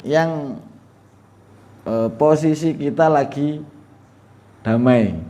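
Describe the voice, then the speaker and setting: A man's voice: medium pitch, a little mellow. A man giving a humorous religious lesson, chatty and laughing often as he acts out little dialogues. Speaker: religious teacher. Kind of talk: sermon.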